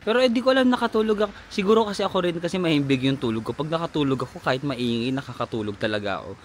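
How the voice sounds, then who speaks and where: A man's voice: a little high, rapid-fire, slight background noise. Chatty man vlogging outdoors. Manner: chatty and animated, laughs often, mixes in English phrases. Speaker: travel vlogger. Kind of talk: casual travel vlog storytelling. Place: outdoors in a lakeside village.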